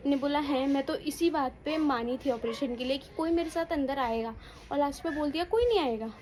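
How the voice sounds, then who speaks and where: A woman's voice: high-pitched, brisk, darkish tone, poor audio. A young woman vlogging and tearfully telling her own story, often repeating herself. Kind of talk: emotional personal vlog.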